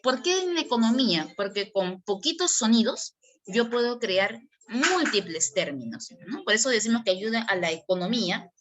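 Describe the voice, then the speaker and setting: Bright-voiced woman teaching online. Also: a little high, expressive, moderate pace. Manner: explanatory, asks and answers her own questions. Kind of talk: online language lesson.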